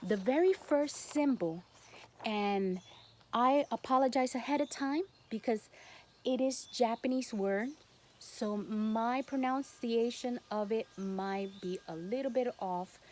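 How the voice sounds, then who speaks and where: A woman with a Spanish accent gives guided spiritual instruction to the camera as a Reiki teacher, speaking non-native English in short, halting phrases. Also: a little high, a little mellow. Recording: noticeable background noise.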